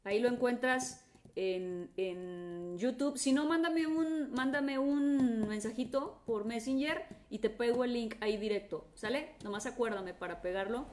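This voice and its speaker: A woman's voice: a little high, a little mellow. A woman singer with a Mexican accent chatting casually with fans on a live stream, greeting viewers by name and trailing off in restarts.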